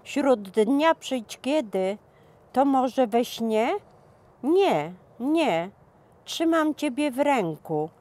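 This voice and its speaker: A woman's voice: high-pitched, animated, drawn-out words, a little mellow. A woman, a local resident, reading a ballad aloud with an emotional, pleading delivery. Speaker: resident reader. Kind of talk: dramatic poetry reading.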